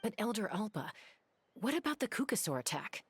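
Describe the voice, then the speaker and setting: A woman's voice: medium pitch, sing-song, fairly quick, breathy edge, soft background music. A woman playing a cool, serious, observant young woman in a video game. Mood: questioning. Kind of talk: scripted game character acting.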